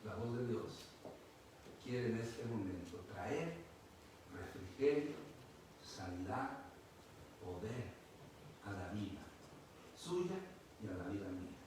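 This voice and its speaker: A man preaching slowly and with feeling, swinging between loud calls and soft, hushed lines. He is recorded from a distance in a very echoey hall, with steady noise behind him. His voice sits at an average pitch. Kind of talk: sermon. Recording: echoey room, mic at a distance, noisy.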